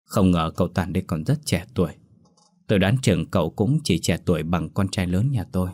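A man's voice: low-pitched, expressive, brisk, darkish tone. A man voicing a stern middle-aged woman who leads a village, probing and commanding.

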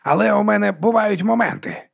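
A man playing a brash werewolf woman, gruff and forthright, for a storybook reading. Her voice sits a little above his own. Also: sits high, fairly quick, pitched above the performer's own voice, exaggerated voice. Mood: wry. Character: blunt brash female werewolf.

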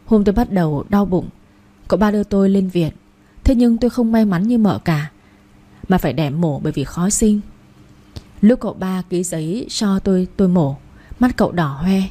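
A woman narrating a story in the first person, telling it in a steady, plain way. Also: mid-range voice, normal speed. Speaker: audiobook narrator.

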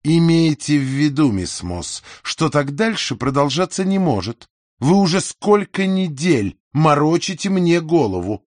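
A man doing a nagging, sharp-tongued landlady. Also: fairly high pitch, sing-song, a little slow, dry recording. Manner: scolding, indignant, insistent. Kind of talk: audiobook character voice.

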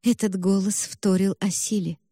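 A woman reading a novel aloud with an expressive, emotional delivery. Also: medium pitch, normal speed, slightly rough, dry recording, clean studio sound. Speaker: narrator. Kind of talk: audiobook narration.

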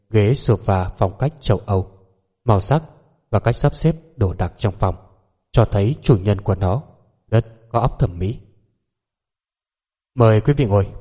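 Mellow low-voiced male narrator. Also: breathy edge. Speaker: audiobook narrator. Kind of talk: scripted narration.

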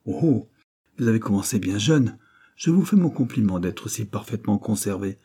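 A man reading an audiobook, voicing a calm and ironic male detective. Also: on the low side, moderate pace, breathy edge. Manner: calm, mocking.

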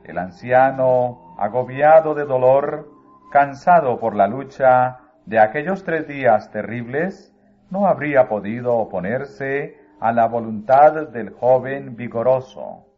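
Slow, solemn male religious narrator. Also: mid-range voice, lively intonation. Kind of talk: scripted religious book reading. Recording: phone-like narrow sound, faint music.

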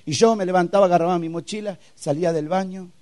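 High-voiced man preaching a testimony. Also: quick pace, darkish tone. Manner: storytelling, emotional, acts out scenes with sound effects. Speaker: youth camp preacher. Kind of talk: testimony sermon.

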